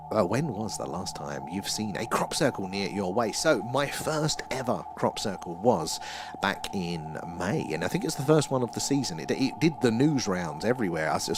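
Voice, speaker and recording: A man's voice: low voice, background noise. A man with an Essex accent hosting a casual livestream, rambling and self-deprecating as he answers viewers' comments. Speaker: livestream host. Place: small room at home.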